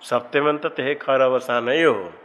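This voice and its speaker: Slow, deliberate male grammar teacher. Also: mid-range voice, fairly bright tone, low-quality recording. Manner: quizzes the class with repeated questions, then recites rules. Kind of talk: classroom grammar lesson. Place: ashram classroom.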